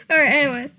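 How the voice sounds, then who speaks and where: There's slight background noise as a woman with a high, bright, forceful voice reads fan fiction in a mock-dramatic style. She giggles, frequently collapses into laughter, and stumbles whenever she hits a misspelled word, reading it just as it's spelled.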